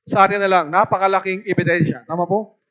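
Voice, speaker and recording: A man from the Philippines preaching at a youth camp as an evangelist, lively and often asking his listeners for agreement. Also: sits high, quick pace, dull audio. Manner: lively, asks the audience "tama po ba" often.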